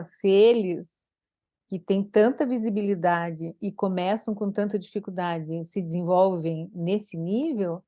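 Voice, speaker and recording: A woman speech therapist from Brazil telling stories from her career in an interview, lively and expressive. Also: dry recording, studio quality. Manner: animated, acts out quoted dialogue with big pitch jumps. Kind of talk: conversational interview storytelling.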